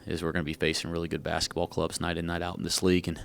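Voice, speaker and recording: Man, basketball coach, out of breath, deep voice, monotone delivery, rambling and frank, press conference podium. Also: rapid-fire, creaky. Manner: frank, rambling, self-joking.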